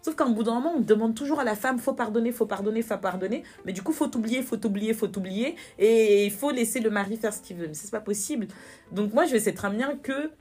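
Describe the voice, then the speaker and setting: A young woman in a candid personal interview, speaking earnestly and growing animated when she recounts, repeating words for emphasis. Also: a little high, quick pace, husky.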